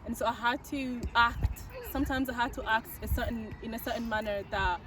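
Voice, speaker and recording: A woman's voice: fairly high pitch, fairly even intonation, brisk. A woman talking conversationally in an earnest, reflective way. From Ireland. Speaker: community network co-founder. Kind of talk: conversational personal talk. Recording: noisy outdoor urban recording, distant mic.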